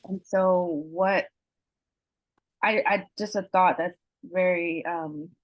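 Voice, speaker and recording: Woman thinking out loud in a meeting, a bit hesitant, lowish voice, dry sound. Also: fairly even intonation, takes it slowly, no room sound, lo-fi sound. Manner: thoughtful, hesitant. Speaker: council member. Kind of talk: meeting discussion.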